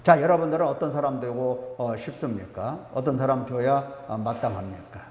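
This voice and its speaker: A man's voice: medium pitch, moderate pace, darkish tone, echoey room, big-room sound. A male pastor preaching a sermon with emphasis, often asking the congregation questions. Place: church sanctuary.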